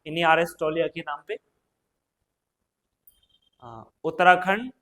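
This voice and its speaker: ऊँची आवाज़ वाला पुरुष शिक्षक. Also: male voice, a little high, lively intonation, a little slow, sharp tone. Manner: questions then answers himself, frequent "ठीक है" and "है ना". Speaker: exam coaching teacher. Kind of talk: exam-prep lesson. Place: coaching classroom or studio.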